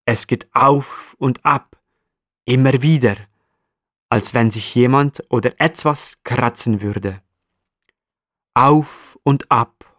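Slow, gentle man telling a children's story. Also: medium pitch, no room sound, studio quality. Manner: gentle, addresses the listener directly.

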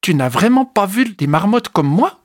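A storyteller voicing a cheerful, eager young male marmot who calls out brightly in a dry close recording. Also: medium pitch, big pitch swings, moderate pace, no echo, pitched above the performer's own voice.

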